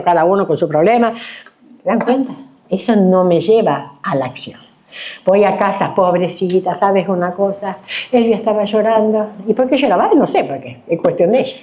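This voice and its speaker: Woman bible teacher, sermon in church, warm mellow voice, a bit dull recording, acts out little voices. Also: medium pitch. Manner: animated, acts out complaining voices, asks the audience questions. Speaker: Bible teacher at a women's conference.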